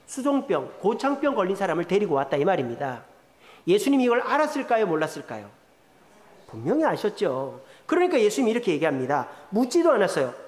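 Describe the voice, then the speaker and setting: A man's voice: high voice, in a large hall. A male pastor preaching a sermon, asking the congregation question after question. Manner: lively preaching with rhetorical questions. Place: church sanctuary.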